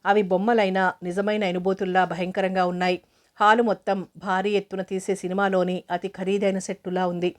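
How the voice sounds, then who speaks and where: A woman narrating an audio novel in a steady, even storytelling manner. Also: medium pitch, brisk.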